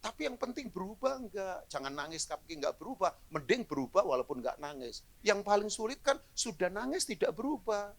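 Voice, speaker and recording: A middle-aged male pastor preaches live to his congregation, his fairly high voice leaping around with lots of gravelly fry. He jokes with the crowd and swings from quiet asides to bursts of loud emphasis. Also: a little fast, hardly any pauses. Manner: animated, joking with the congregation, swings from low asides to loud exclamations. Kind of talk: live sermon. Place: church hall, in front of a congregation.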